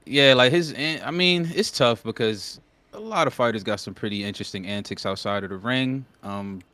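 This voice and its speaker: A man co-hosting a casual live-stream chat, talking loosely in slang and getting animated when he argues. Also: mid-range voice, moderate pace, no echo. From United States. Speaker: podcast co-host.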